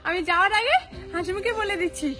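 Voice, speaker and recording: A woman voicing a sharp-tongued young wife in a comedy sketch, sweet-toned but full of cheeky threats. Her voice is strikingly high. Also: fast. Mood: mock-sweet. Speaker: comic sketch actor. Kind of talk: comic family sketch.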